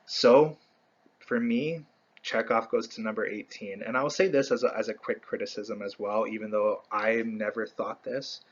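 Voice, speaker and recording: A man's voice: on the low side, fairly even intonation, moderate pace, lo-fi sound. A man hosting a casual fan video, rambling through a ranked list with many fillers and self-corrections. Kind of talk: casual ranking commentary.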